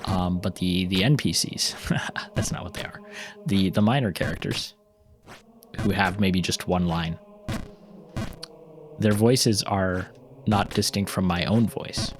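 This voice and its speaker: Over music, this novelist and gaming YouTuber speaks slowly in a low voice, pausing often. He chats loosely as he plays, stumbling through ums and restarts and occasionally laughing.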